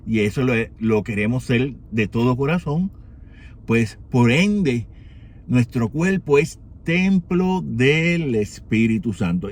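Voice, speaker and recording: Speaking at a medium pitch, this Puerto Rican man takes his time with a morning prayer reflection, often pausing and posing rhetorical questions.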